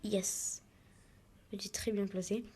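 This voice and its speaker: A woman's voice: medium pitch, flat delivery, takes it slowly, mellow, slightly rough. A woman, chatting through her own mobile gameplay live and narrating each move as she makes it. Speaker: let's play gamer.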